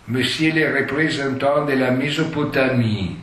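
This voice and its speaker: A man voicing a court usher with a booming, formal announcing voice, recorded far off in a roomy hall. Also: unhurried, fairly bright tone, lightly acted. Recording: roomy hall, distant mic, faint noise.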